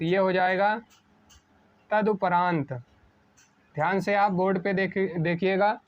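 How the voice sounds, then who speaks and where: High-voiced male teacher, lo-fi sound. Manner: asks a question and answers it himself, slowing on the correct word. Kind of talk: exam-prep spelling lesson at a board. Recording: dull lo-fi sound.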